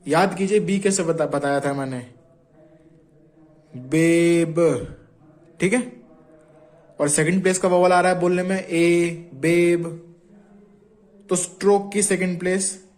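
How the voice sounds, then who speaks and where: A man with a fairly high voice gives a shorthand lesson. He is patient and repetitive, saying each sound aloud as he draws the strokes and checking in with viewers as he goes. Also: a little mellow. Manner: patient, repeats sounds aloud while writing; often checks in with "ठीक है". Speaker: shorthand teacher. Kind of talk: Hindi tutorial explaining strokes.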